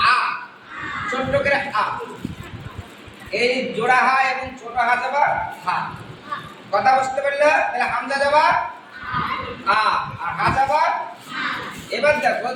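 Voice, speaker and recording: A man teaching Arabic pronunciation in a madrasa classroom, quizzing pupils on letters and drawing out sounds slowly. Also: very high voice. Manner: drills letters with questions, slow drawn-out sounds. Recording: echoey classroom from far off, noisy.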